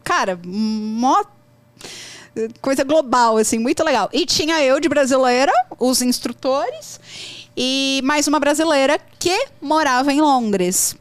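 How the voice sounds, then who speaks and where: A woman's voice: high voice, measured pace, no room sound. A Brazilian woman with a Brazilian accent, telling stories and giving advice on learning English in an emphatic, repetitive way. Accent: Brazilian Portuguese. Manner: animated storytelling with emphatic repetitions. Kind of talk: casual conversational advice.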